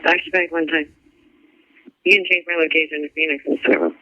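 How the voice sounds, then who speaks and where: A woman's voice: deep voice, fairly even intonation, quick pace. Female police officer over police radio, terse. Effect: police radio transmission. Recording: muffled archived radio call.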